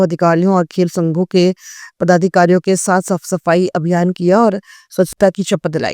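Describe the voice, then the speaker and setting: A news reader gives scripted narration in a clear, smooth voice. The reading stays level and formal, recorded dry with no room sound. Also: medium pitch, a little mellow, no echo.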